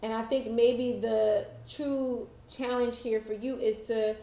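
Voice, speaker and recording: Slow, reflective woman reading tarot. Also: a little high, steady tone, mellow, roomy sound. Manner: slow, reflective, channeling-style delivery. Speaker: tarot reader.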